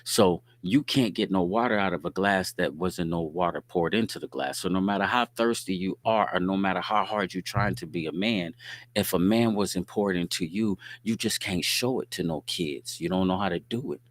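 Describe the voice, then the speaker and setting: A man's voice: low voice, moderate pace. A middle-aged man from Indianapolis hosting a podcast, telling stories in a laid-back, streetwise way and often checking in with his listeners. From Indianapolis, USA. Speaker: podcast host. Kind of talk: casual storytelling talk.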